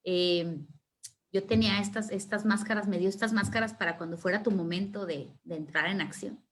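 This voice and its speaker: A woman doing brisk gruff Anger. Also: mid-range voice, steady tone, lightly acted. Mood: explaining. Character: impatient gruff male emotion Anger, brotherly.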